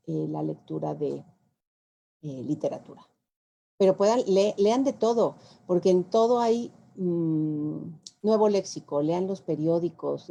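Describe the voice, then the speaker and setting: A middle-aged Mexican woman, a linguist, giving an explanatory talk in a conversational way, pausing on fillers as she answers audience questions. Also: lowish voice, creaky, mellow. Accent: Mexican Spanish. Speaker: guest lecturer, linguist.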